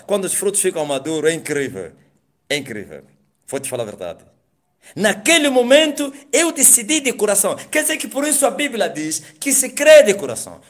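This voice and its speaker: A man preaches his own testimony in a somewhat high voice. He swings between loud, excited exclamations and quiet, hushed asides. He peppers his story with hallelujahs. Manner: peppers speech with hallelujahs and laughs. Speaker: apostle giving his testimony.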